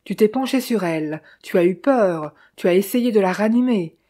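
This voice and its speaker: A woman's voice: mid-range voice, expressive, moderate pace, warm tone, natural voice. A woman voicing Austin, a stern man pressing his brother to confess, who talks in an insistent, questioning way.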